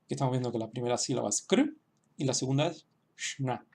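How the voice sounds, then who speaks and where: A man explaining a writing lesson slowly, with frequent fillers and restarts. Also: mid-range voice, a little mellow, slightly rough. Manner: hesitant, many restarts and fillers; slow, explanatory. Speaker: language teacher. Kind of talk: online lesson.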